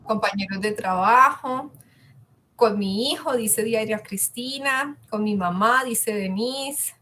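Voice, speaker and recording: A woman's voice: a little high, slow pace, sharp tone. A woman giving an online communication masterclass, chatting and putting questions to her audience. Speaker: communication coach.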